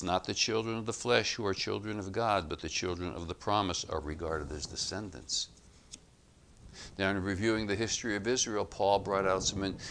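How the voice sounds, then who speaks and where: A man giving expository Bible teaching, reading passages aloud and explaining them in a measured, emphatic way. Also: sits low, a bit bright, a little hiss or hum.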